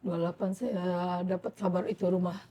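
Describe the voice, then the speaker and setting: Mellow-voiced woman telling her story. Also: on the low side, fast, breathy edge. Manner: animated, acts out her own past words and prayers. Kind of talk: emotional personal storytelling.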